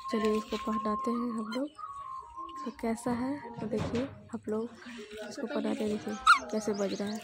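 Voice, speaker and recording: A woman's voice: on the high side, level tone, normal speed. A young woman with a Bihari Hindi accent, talking viewers through an unboxing in a casual vlog. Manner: chatty, addresses viewers directly. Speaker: vlogger, mother. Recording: loud background noise.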